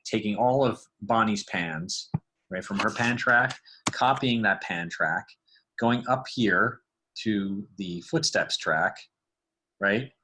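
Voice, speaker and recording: Here a sound design instructor narrates a relaxed screen tutorial, working through ideas out loud as he explains. His voice is fairly low and slightly rough, with a sharp tone.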